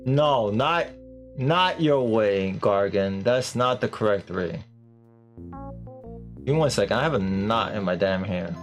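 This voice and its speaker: A man's voice: lowish voice, animated, unhurried, pauses often, faint music behind. A man live-streaming a game, chatting casually and animatedly with viewers, laughing and swearing offhand.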